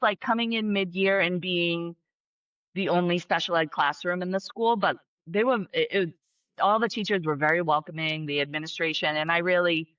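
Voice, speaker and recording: A woman whose voice is on the low side, recorded dry, chats as a guest on a podcast about her life as a special education teacher. Her casual interview talk is full of fillers, restarts and excited bursts, and the audio comes across dull and muffled.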